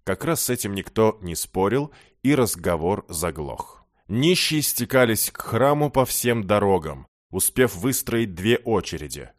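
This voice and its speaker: A man narrates a fantasy audiobook in a lowish voice, even and measured. Irony slips into the telling without breaking its steady pace. The sound is dry and close, with no room around it. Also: no echo.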